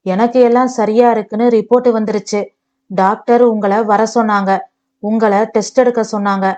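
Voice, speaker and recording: A woman voicing a patient young wife who speaks calmly and soothingly. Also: mid-range voice, normal speed, highs cut off, close to an everyday voice. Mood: pleading. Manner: calm, soothing, pleading.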